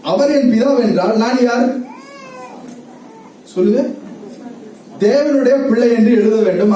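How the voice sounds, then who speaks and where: A man's voice: high-pitched, mellow, far from the mic. Male preacher, interactive sermon, laughs a lot; echoey hall, faint noise behind. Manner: asks the audience questions and repeats their answers; laughs often while talking. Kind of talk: sermon with questions to the congregation.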